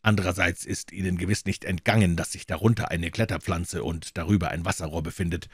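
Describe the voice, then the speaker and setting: A calm, measured detective, polite and unhurried, as the narrator voices him. The voice sits low and quiet, close to the mic, with no room around it. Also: male voice, slightly rough, no room sound. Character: calm, dry-witted male detective.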